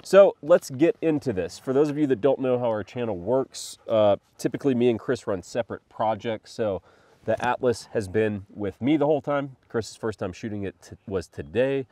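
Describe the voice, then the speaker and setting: A man's voice: medium pitch, moderate pace, warm tone. Rambling man with a slight cough. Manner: rambling, filler-heavy, thinks aloud. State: slight cough, under the weather. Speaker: co-host of a firearms review channel. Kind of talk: casual review chat.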